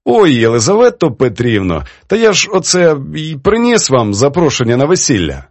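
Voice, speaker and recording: A man's voice: a little high, wildly swooping pitch, moderate pace, no echo. A man playing a timid young editor. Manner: shy, hesitant.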